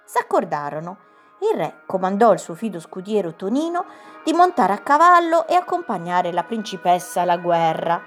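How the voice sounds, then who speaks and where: A woman reading a fairy tale aloud as a storyteller, expressive, with dramatic pauses. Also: mid-range voice.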